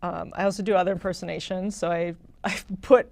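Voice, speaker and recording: A woman's voice: fairly low pitch, fairly even intonation, fairly quick, creaky, darkish tone. A young woman chatting casually as a podcast guest, rambling with lots of "like" and laughing often. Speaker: guest, [name] impersonator. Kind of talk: casual podcast interview chat.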